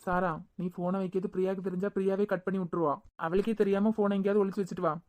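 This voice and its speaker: A woman voicing a calm, caring young man with a Kanyakumari Tamil accent in a cartoon serial. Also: medium pitch, fast talker, close to an everyday voice. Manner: calm, directing others.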